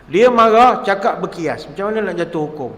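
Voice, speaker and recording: A man preaching a humorous lecture in a mosque with a Malaysian Malay accent, animated and jokey, acting out quarrels. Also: high-pitched, a little fast. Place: mosque hall. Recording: echoey hall with long reverb.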